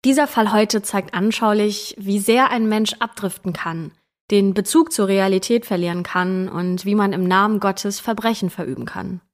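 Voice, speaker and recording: A woman's voice: mid-range voice, steady tone, normal speed. A woman co-hosting a true crime podcast, telling the story dramatically and giving careful content warnings. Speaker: podcast co-host.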